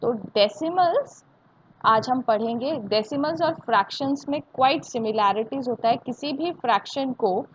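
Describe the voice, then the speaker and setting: A fairly high-voiced woman with an Indian accent runs a live online maths lesson, going over each step twice and stopping to quiz her students. Her voice comes through a dull, lo-fi computer mic with a faint hiss underneath. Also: moderate pace. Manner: repeats points and asks students check questions, mixing Hindi and English. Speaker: maths teacher. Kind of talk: live online class teaching.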